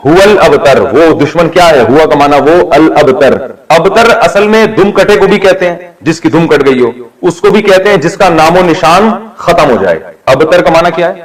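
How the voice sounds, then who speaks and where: A man's voice: a little high, low-quality recording. A middle-aged man teaching a Quran lesson, explaining each word, quizzing the class and joking as he writes on a board. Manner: explains word by word, asks and answers own questions, jokes. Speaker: religious scholar teaching. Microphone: recorded lesson while writing on a board.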